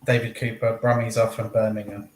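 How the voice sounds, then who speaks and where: A man's voice: fairly low pitch, little pitch movement, brisk, reverberant, slight background noise. A man, a guest on a live stream, chatting in an easygoing way and laughing often. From England. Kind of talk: casual live-stream chat.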